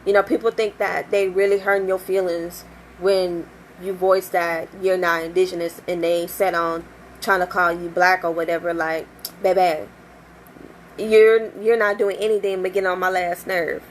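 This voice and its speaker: A young woman who owns a shop, chatting casually in an animated vlog with lots of fillers and acted-out quotes. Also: fairly low pitch, moderate pace, a little hiss or hum, low-quality recording. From United States. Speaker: shop owner.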